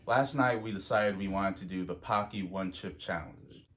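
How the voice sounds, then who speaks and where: A man's voice: low voice, moderate pace. A man hosting a casual food-challenge vlog, chatting, laughing and counting down before each bite. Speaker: vlog host.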